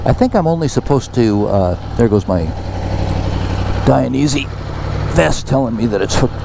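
A man's voice: mid-range voice, lively intonation, unhurried, vocal fry, background noise. A man giving casual running commentary while he fuels his motorcycle outdoors at a fuel station. He talks in a wry, self-mocking way, full of chatty asides. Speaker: motorcycle vlogger.

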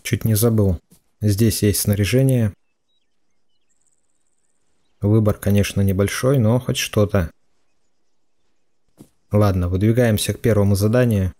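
Dark, low-voiced man commentating a game. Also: fairly even intonation, unhurried, pauses often. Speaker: gameplay video commentator. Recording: game noise and gunfire behind. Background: game gunfire and clicks.

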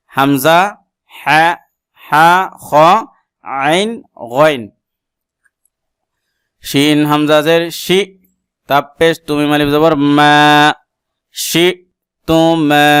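A man's voice: fairly high pitch, fairly bright tone, clean tone, no room sound, studio quality. A man who speaks Bengali as his first language and teaches Quran reading, spelling out letters and vowel marks and then explaining each tajweed rule. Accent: Bangladeshi. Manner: chants the Arabic verse in a melodic recitation. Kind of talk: spelled-out Quran recitation lesson.

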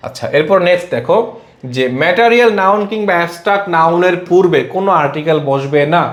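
A male tutor with a fairly high voice gives an exam-prep grammar lesson. He keeps asking questions and answering them himself, repeating each rule. The room around him is echoey. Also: fast. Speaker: English grammar teacher.

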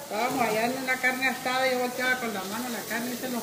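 A woman's voice: fairly high pitch, steady tone, quick pace, noisy background. A woman, a mother chatting casually while cooking, proud and bantering. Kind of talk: casual kitchen chat.

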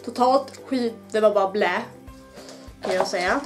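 A woman's voice: mid-range voice, faint music behind. A young woman with a Swedish accent, chatting nervously and giggling through a casual challenge vlog, swearing freely, filmed on a camera mic at home and outdoors. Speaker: vlogger. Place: home, then outdoors by her car.

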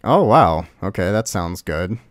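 A man's voice: low-pitched, big pitch swings, measured pace, dry recording, clean studio sound. A man hosting a gaming video, giving casual reaction commentary on a horror game. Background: music.

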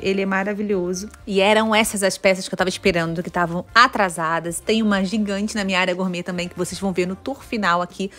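A woman's voice: medium pitch, fairly bright tone. Gushing Brazilian woman decor vlogger. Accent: Brazilian Portuguese. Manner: enthusiastic, gushing over decor items. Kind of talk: casual chat. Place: home kitchen, indoors.

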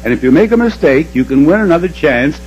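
An older man hosting a game show before a studio audience, with a measured, teasing showman's delivery. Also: a little high, expressive, muffled recording, slight background noise. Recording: loud studio crowd and music behind. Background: loud audience and music.

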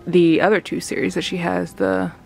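A woman's voice: on the low side, flat delivery, moderate pace, vocal fry, a little mellow, faint music behind. A young woman hosting a casual vlog while book shopping, chatty and giggly, recorded in a bookstore. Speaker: vlog host.

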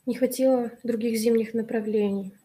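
This webinar host, a woman in her thirties, reads out and replies to chat messages from viewers in a friendly manner during a live video call, captured through her webcam. Her voice is fairly high and warm, a bit hoarse from allergies.

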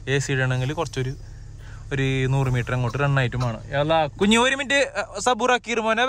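A man's voice: medium pitch, a bit bright. A man hosting a casual family vlog, chatty and often breaking off to call to his children. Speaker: family vlogger. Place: at home and in the family car.

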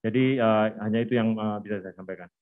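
Fast-talking male football coach, phone-like sound. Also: lowish voice. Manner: halting, many filler "eh" pauses and repeated phrases. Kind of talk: post-match press conference answers. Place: press conference room.

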